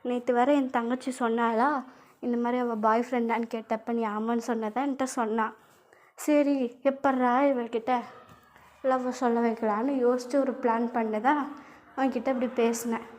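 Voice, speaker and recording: A woman voicing a calm, teasing young man in a spoken fan-fiction story, talking low-key and soft. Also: moderate pace, close to an everyday voice. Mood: tender.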